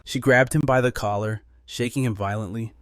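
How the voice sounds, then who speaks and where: A man's voice: medium pitch, fairly even intonation, normal speed, no room sound, studio quality. A man narrating a comic recap in a scripted, dramatic storytelling manner.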